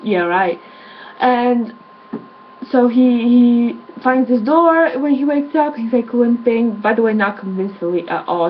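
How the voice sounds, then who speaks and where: A woman's voice: on the high side, muffled recording, a little hiss or hum. A woman reviewing a film in a casual vlog, blunt and exasperated, swearing as she rants.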